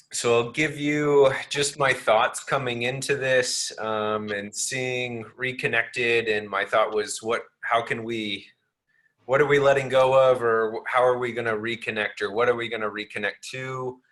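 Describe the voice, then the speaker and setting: A man leading a guided meditation in a gentle, unhurried way, with frequent ums. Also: mid-range voice, steady tone.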